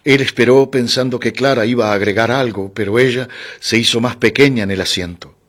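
A man giving a calm, scripted reading of a literary short story. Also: medium pitch, fairly quick. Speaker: audiobook narrator.

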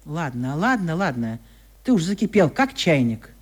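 A weary, grumbling aunt in a radio drama. Her voice is husky and swings up and down with exasperation as she nags. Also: low voice, very animated, moderate pace, exaggerated voice. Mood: exasperated. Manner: nagging, exasperated. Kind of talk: radio play acting.

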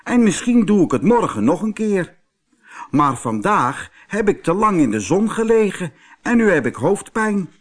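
A man's voice: high voice, big pitch swings, a little slow, breathy edge, voice pushed up, full character voice. Man putting on a bragging dim-witted bull. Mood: boastful. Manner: bragging, blustering, stammers when stuck. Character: boastful lazy fat male bull, dim.

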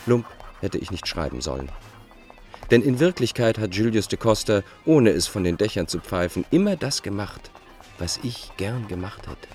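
With a lowish, slightly mellow and very animated voice at normal speed, an actor delivers a radio drama monologue over soft background music. His character, a bitter, self-justifying Dutch fugitive, reads his letters aloud formally and pedantically. He goes point by point, bitter and insistent throughout.

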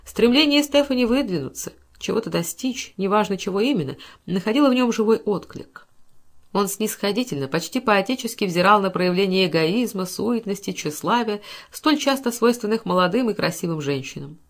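A woman narrating a classic novel in an audiobook with measured, expressive reading. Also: medium pitch.

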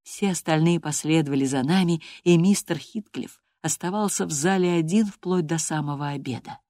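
A woman narrating an audiobook in a steady, measured way. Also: sits low, dry recording, clean studio sound.

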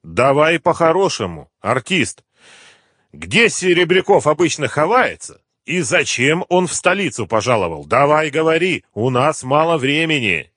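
A man's voice: fairly high pitch, sing-song, measured pace, fairly bright tone, no room sound, clean studio sound, pitched above the performer's own voice, exaggerated voice. A sneering gang boss, as a man reads him. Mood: threatening. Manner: sneering, bullying interrogation. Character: menacing male gang boss, mocking and cruel.

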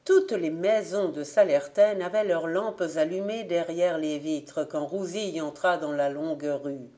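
A woman reading a classic novel aloud as a volunteer audiobook narrator, in a measured, gentle manner. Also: low-pitched. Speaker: audiobook reader.

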